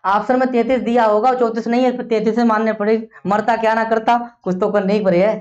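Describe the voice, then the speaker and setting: A woman's voice: fairly high pitch, little pitch movement, quick pace, darkish tone. A woman teacher giving a classroom lecture, explaining step by step and drilling her students with repeated questions. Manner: explains step by step, checks understanding often. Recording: dull lo-fi classroom recording.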